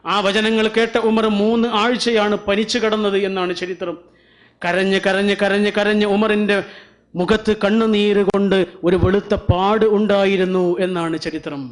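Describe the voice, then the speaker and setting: A man's voice: high voice, steady tone, moderate pace. A man preacher telling religious stories in an emotive sermon, repeating phrases for emphasis. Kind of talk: emotive religious storytelling speech.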